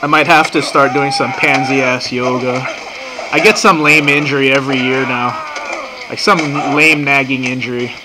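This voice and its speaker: A man in his thirties talking casually and profanely in a rambling, excitable way while reacting to a TV show at his computer. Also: mid-range voice, moderate pace, background noise. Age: 30s. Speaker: vlogger reacting to a TV series.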